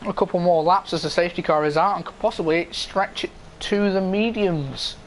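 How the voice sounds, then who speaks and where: A man's voice: high voice, moderate pace, slight background noise, poor audio. A man giving informal live motorsport commentary on an online racing game.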